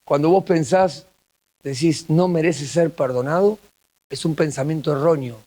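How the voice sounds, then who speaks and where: An Argentine man delivers a sermon in a high voice. He drops into quiet, intimate passages, then lifts into raised, emphatic points. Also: normal speed. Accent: Argentine Spanish. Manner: swings between hushed intimate passages and raised emphatic ones. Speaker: pastor. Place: church camp gathering.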